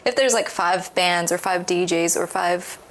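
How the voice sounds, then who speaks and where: A woman guest on a podcast, a little hoarse, talking in a rambling, animated way with lots of restarts and fillers. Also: on the low side, unhurried, a little hiss or hum, rough recording. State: hoarse, losing her voice. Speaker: podcast guest, visual artist. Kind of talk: casual conversational interview.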